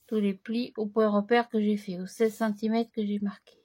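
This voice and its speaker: A woman hosting a crafting tutorial, chatting casually as she works, slightly hoarse and clearing her throat now and then. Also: medium pitch, level tone, warm tone. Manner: slow, chatty, talks to herself while working.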